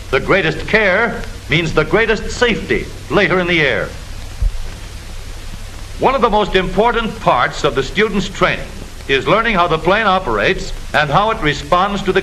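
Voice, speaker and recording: Scripted narration for a 1940s military training film comes from an American man with a high, bright voice and forceful tone. He speaks in a declamatory, instructive newsreel style, and the old film soundtrack is noisy.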